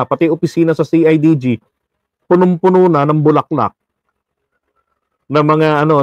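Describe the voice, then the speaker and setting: Joking Filipino commentator with a dry voice. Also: male voice, on the high side, no echo, lo-fi sound. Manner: chatty, joking, switches between Tagalog and English, acts out phone calls. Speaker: online commentator. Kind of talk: casual commentary monologue.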